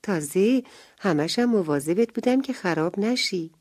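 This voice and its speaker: A woman voicing a sweet, eager little boy in a children's story, pitching her voice up and sounding excited. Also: dry recording, clean studio sound, natural voice. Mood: pleading.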